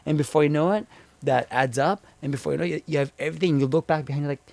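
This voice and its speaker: Gravelly-voiced male business owner. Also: on the high side, very fast, a little mellow, no room sound. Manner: storytelling, repeats words, "I'm like" quotes. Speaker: guest, small business owner. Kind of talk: casual interview chat.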